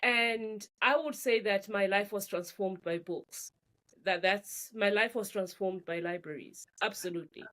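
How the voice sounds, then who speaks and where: A middle-aged woman from Zimbabwe, an author talking as a guest in a relaxed interview, animated and quick to laugh, often repeating words as she thinks. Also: mid-range voice. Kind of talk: casual interview conversation.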